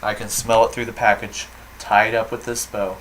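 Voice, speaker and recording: A man's voice: lowish voice, little pitch movement, normal speed, a bit bright, a little hiss or hum, rough recording. A man chatting enthusiastically on a home video vlog, with lots of fillers like "um" and "so". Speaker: vlogger. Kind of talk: casual chat.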